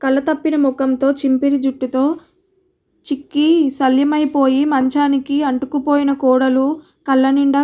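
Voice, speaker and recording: High-voiced woman narrating a story. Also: warm tone.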